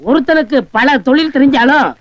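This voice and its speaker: An actor playing a meek sidekick who agrees with everything in a film comedy scene. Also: male voice, very high voice, brisk, fairly bright tone, dry recording. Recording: dull, slightly noisy film audio.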